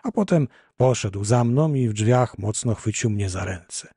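A man reading a literary audiobook in the first person, measured and reflective, on a close, dry mic. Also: lowish voice, expressive, dark tone, slightly rough, no room sound. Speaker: audiobook reader.

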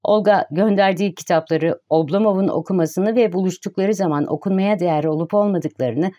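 A woman narrating a novel for an audiobook in a calm, even reading style. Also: lowish voice, fairly quick. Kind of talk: scripted narration.

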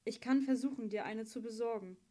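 Ambitious teenage boy, earnest and insistent, read by a woman narrator; mellow voice. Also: fairly high pitch, fairly quick, close to an everyday voice. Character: earnest 18-year-old boy, proud and ambitious.

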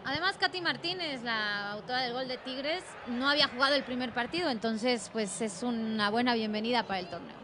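A woman's voice: a little high, fairly quick, few pauses. A woman giving conversational match analysis as a football commentator. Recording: clear stadium noise behind voice.

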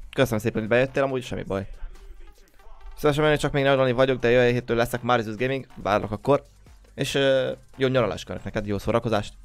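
A man's voice: mid-range voice, smooth. A young man hosting a game livestream, just woken up, greeting viewers one by one in casual chat. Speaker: livestream host.

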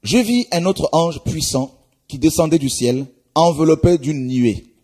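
Dark husky-voiced man preaching. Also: a little high, unhurried. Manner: exhorting, repeats "mes amis", many hesitations. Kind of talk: Bible-reading sermon.

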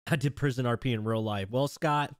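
A man's voice: medium pitch, a little fast, dry recording, studio quality. A man hosting a live game stream, chatting casually, reading out viewer messages and laughing often. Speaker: streamer and host. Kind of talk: live stream chat and roleplay commentary.

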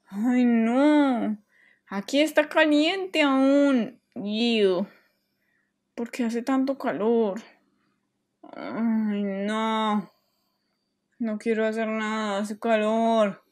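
A woman's voice: on the high side, drawn-out words, long pauses, darkish tone. A woman voicing a restless, mischievous boy who complains dramatically, in a children's toy play story. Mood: fed up.

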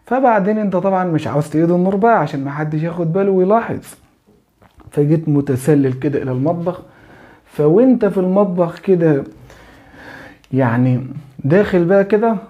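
In a muffled recording, a French teacher with an Egyptian Arabic accent speaks in an animated, slightly high voice. Walking through a grammar point, he repeatedly makes sure the student follows and slowly spells out each example.

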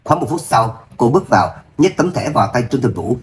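A man reading a serialized romance novel aloud. His narration is steady and even, moving the story along without fuss. His pitch sits in a middle range. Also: fast talker, a little hiss or hum.

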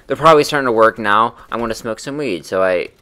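A man's voice: medium pitch, expressive, fast, sharp tone. A young man casually telling a personal story in a loose, rambling way, full of fillers and swearing.

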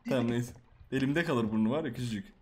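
A young man hosting a horror game video, reacting loudly with swearing and reading story text aloud. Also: mid-range voice, fast. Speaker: gameplay video host. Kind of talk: excited horror game commentary.

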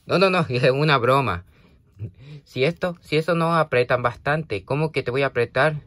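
A man rambles through a casual vlog, stopping and starting with plenty of fillers as he talks to a toy companion. His voice sits at a middle pitch, and the sound is close and dry with no room echo. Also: normal speed, a bit bright. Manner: hesitant, full of fillers and restarts, scolding then apologetic. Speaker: vlogger talking to a toy creeper.

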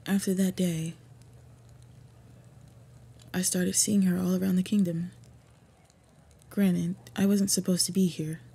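In a scripted medieval fantasy roleplay, a woman heavily acts the part of an earnest half-orc suitor, pleading devotedly. Her voice is very breathy and soft with a dark, mellow tone, and her formal, measured delivery stays fairly flat in pitch.

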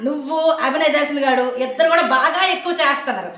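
A woman tears into someone in a fast, scolding rant full of taunting questions. Her voice sits very high and sounds bright and sharp. The sound carries an echo, as if she recorded in a bare room. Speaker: online commentator. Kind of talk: angry rant to camera.

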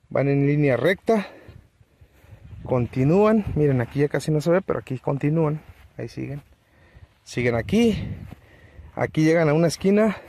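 A man with a warm, fairly high voice chats with viewers in open countryside while looking for old relics. As a treasure-hunting vlogger, he keeps the commentary casual and often calls his audience his friends.

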